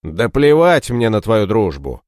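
A man's voice: fairly low pitch, big pitch swings, measured pace, darkish tone, no echo, studio quality. A man voicing a hard, menacing young male warrior who speaks bluntly and threatens in an audiobook story. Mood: grim.

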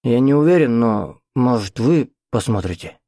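A man's voice: mid-range voice, lively intonation, moderate pace, warm tone, dry recording, clean studio sound, natural voice. A man doing a flustered, stammering old teacher. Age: older. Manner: agitated, stammering, babbling. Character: flustered elderly male village teacher, hard of hearing.

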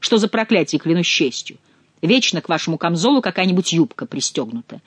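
A reader voicing a gruff, ever-grumbling male soldier who scolds bluntly and swears oaths. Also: medium pitch, sing-song, fairly quick, dry recording. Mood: scolding.

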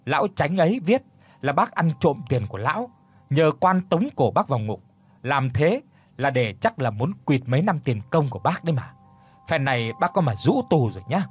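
A man's voice: fairly high pitch, expressive, a little fast, slightly rough, soft background music. A man voicing a sly, scheming young male villager in an audio story, coaxing and wheedling. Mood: feigned alarm. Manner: wheedling, coaxing, feigns alarm.

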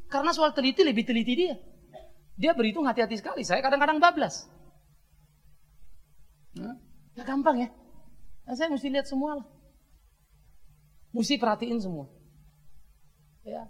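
A middle-aged man preaching a sermon as pastor, blunt and joking, swinging between soft asides and loud scolding. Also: extremely high pitch.

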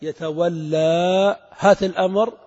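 A man teaches Arabic grammar to a class, putting questions to the students and repeating their answers. His voice is high-pitched and steady, darkish in tone, at a measured pace. The recording is muffled and made in a reverberant hall.

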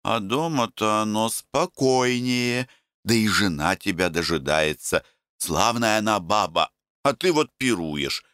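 A man's voice: fairly low pitch, animated, unhurried, clear, resonant tone, dry recording, clean studio sound. A man doing a coaxing old village woman. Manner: gentle coaxing, folksy. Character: kindly elderly village woman, coaxing, caring.

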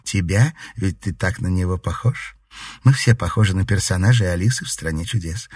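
A man's voice: deep voice, normal speed, darkish tone, breathy edge, dry recording. A man voicing a dreamy, wry young woman patient. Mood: musing. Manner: musing, wry, matter-of-fact.

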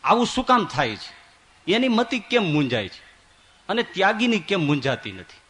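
A man giving a sermon as a swami, telling stories with voiced quotes and swinging from loud to soft. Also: high voice, very animated, normal speed, a little hiss or hum. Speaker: swami preacher.

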